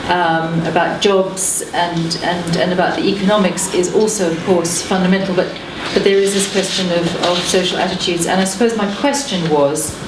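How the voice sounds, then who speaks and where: Woman with a lower voice, thoughtful, lots of ums, roomy echo, far off mic. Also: fairly even intonation, moderate pace, few pauses. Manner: thoughtful, hesitant, many fillers. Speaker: audience member. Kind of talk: comment from the floor. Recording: echoey room, mic far off, clear background noise.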